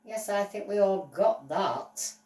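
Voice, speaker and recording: Stern lecturing judge, a woman putting it on, slow and deliberate, mellow, echoey room. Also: mid-range voice, far from the mic, natural voice. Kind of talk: playful toy play storytelling. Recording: roomy echo, voice off-mic.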